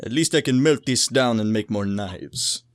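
A man's voice: fairly low pitch, lively intonation, normal speed, no echo, clean studio sound, lightly acted. A man voicing a proud, brooding long-eared stranger in a tabletop game, speaking in a terse, formal, commanding way. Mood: defensive brooding.

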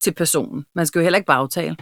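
A woman's voice: low voice, gravelly, dry recording. A woman chatting casually and frankly as a co-host, telling stories and laughing often. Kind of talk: casual chat.

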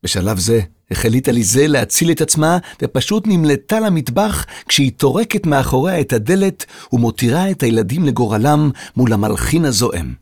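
A man narrating a children's audio story in an expressive storytelling manner. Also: medium pitch, breathy edge, dry recording, studio quality.

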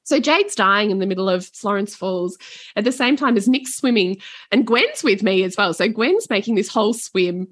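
A middle-aged woman, telling holiday stories in a casual chat and slipping into animated voices for the people in them. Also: medium pitch, moderate pace, husky, no room sound, studio quality. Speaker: podcast guest. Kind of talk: casual storytelling.

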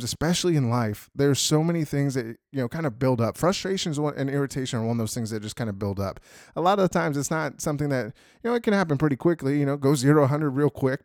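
A man's voice: medium pitch, a little mellow, dry recording, clean studio sound. A young man hosting a podcast, talking in a casual, rambling monologue full of "you know" and "right?". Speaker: podcast host.

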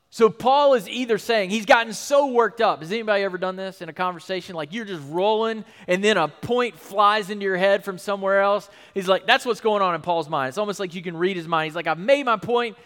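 A male preacher with a high voice delivers an animated sermon. His voice climbs in pitch and force as he acts out the lines, and a long church-hall reverb trails behind him. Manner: animated preaching, acting out a speaker's lines with rising intensity. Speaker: pastor.

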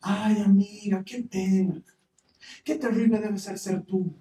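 A man's voice: sits high, steady tone, slow, far from the mic, noisy background. A man voicing a dramatic female friend who sighs with overdone sympathy, in a roomy hall. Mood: pitying.

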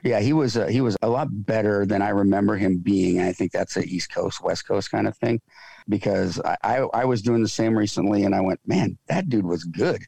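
A man's voice: fairly low pitch, steady tone, a little fast, creaky, mellow, no room sound. A man co-hosting a casual sports podcast, chiming in with short reactions. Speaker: podcast co-host.

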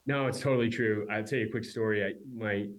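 A man in his forties, a company founder, talking casually as a guest and telling quick stories with many asides. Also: lowish voice, fairly even intonation. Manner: quick, chatty storyteller with many "right?" asides. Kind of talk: casual interview talk.

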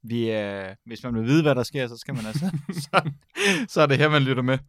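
A man's voice: mid-range voice, a bit bright, dry recording, studio quality. A man hosting a casual comedy podcast, talking with lots of fillers and laughing often. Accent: Danish. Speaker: podcast host.

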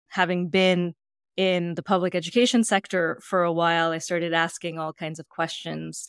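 A woman's voice: on the low side, vocal fry, a bit bright, smooth, no echo, clean studio sound. A woman hosting a podcast, speaking in an encouraging way with light laughs. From United States. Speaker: podcast host. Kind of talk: podcast interview.

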